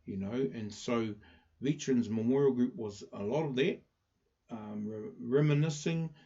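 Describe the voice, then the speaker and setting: A man with a Māori New Zealand accent hosting a casual live chat, speaking haltingly with many pauses. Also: medium pitch, dark tone, slightly rough. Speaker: livestream host presenting a community project. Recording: dull lo-fi livestream audio.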